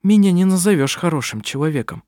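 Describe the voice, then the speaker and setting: A man reading aloud, voicing a proud, sharp-tongued middle-aged witch who is a mother, with dry, cutting remarks. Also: high-pitched, animated, fast talker, dry recording, pitched above the performer's own voice. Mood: wry.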